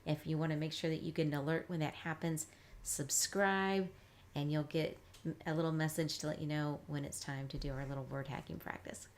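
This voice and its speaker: A woman reading teacher giving a live phonics lesson, chatty and upbeat, slowly sounding words out piece by piece. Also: low voice, fairly even intonation, slight background noise. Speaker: reading teacher, academy founder.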